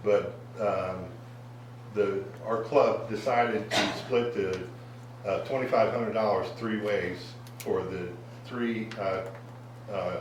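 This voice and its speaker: Recorded from afar in a very echoey council chamber with slight background noise, a lowish-voiced man from a car club presents a donation. His public remarks at the meeting come out hesitantly, packed with fillers and restarts.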